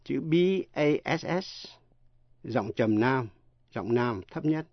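A man teaching English pronunciation in a radio lesson, spelling words out letter by letter with slow, careful delivery. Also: medium pitch, dry recording, highs cut off.

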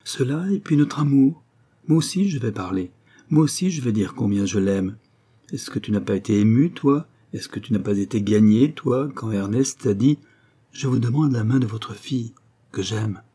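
A man's voice: lowish voice, dark tone, husky. A man reading a storybook, voicing a passionate, headstrong young woman in love, pleading and exclamatory.

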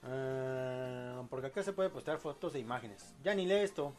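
A man's voice: medium pitch, lively intonation, moderate pace, darkish tone, faint music behind. A man hosting a casual live podcast, rambling and joking as he reads audience posts aloud. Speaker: podcast host.

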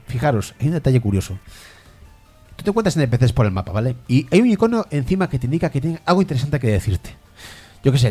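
A man from chatting on a gaming podcast, telling stories with animated acted-out voices. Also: mid-range voice. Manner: animated storytelling, acts out voices. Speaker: podcast co-host. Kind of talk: casual gaming podcast chat.

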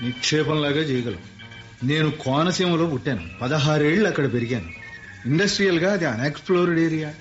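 In an old, lo-fi radio play, an actor voices the lead, a wistful middle-aged industrialist, playing him as playful and commanding. His voice is a little high and fast, close to an everyday voice. The recording is muffled, with faint music.

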